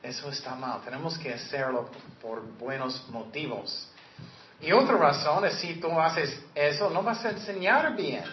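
A man preaching a sermon in a church hall, his pitch sitting a little above the usual for men. The recording is roomy and echoey, slightly dull and lo-fi, with faint noise underneath. He speaks earnestly and directly and now and then acts out the voices he is quoting. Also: unhurried. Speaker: pastor.

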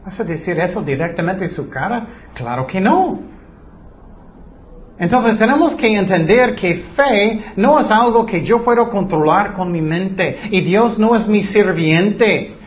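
A man with a high-pitched, expressive voice speaks a little slowly as he preaches a Bible lesson. He presses his argument with rhetorical questions and mocking quotes of what others say. The lo-fi recording sounds slightly dull.

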